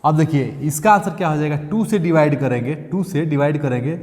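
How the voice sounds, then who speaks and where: A male maths teacher, repeating steps and checking in often with "thik hai" and "clear". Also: a little high, expressive, fairly quick, darkish tone, in a large hall. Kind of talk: classroom maths lesson.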